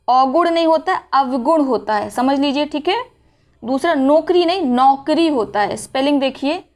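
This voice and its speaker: A woman with a high voice teaches a spelling lesson for exam preparation. She talks through each word step by step, posing questions to her students and answering them herself. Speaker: Hindi teacher.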